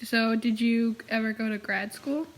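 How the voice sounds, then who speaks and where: A woman's voice: a little high, steady tone, a little slow, a little hiss or hum. A teenage girl interviewing her father for a school project, reading prepared questions plainly. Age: teens. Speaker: student interviewer.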